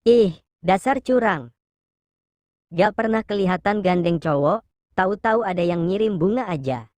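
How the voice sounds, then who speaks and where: A woman narrator puts on a nosy young woman who teases with excitement. The voice sits at a middle pitch and is recorded dry and close. It is an audiobook character voice. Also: moderate pace, no echo, close to an everyday voice. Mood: teasing. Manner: teasing, excited.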